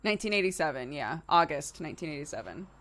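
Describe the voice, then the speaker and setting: Fast-talking, with a low, slightly bright voice and big pitch swings, this livestream host in her early thirties chats casually with her live viewers. She's informal and conversational, and laughs easily.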